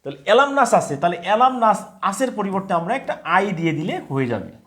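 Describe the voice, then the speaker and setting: Lively, patient Bengali-accented male teacher. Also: high-pitched. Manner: repeats words slowly, checks understanding often. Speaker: English grammar teacher. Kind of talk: live online grammar lesson.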